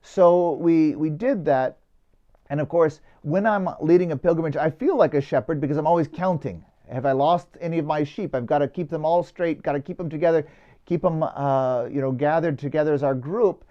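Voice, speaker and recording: Priest telling a story in a homily. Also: male voice, a little high, normal speed, highs cut off. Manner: conversational, with filler "uh" and restarts.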